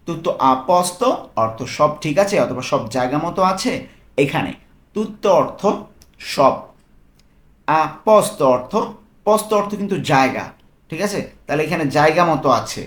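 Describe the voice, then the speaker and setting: A man with a Bangladeshi accent, working as a language tutor. He explains phrases patiently, repeating each one slowly and checking in with "okay?". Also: a little high. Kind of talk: explaining Italian phrases in Bengali.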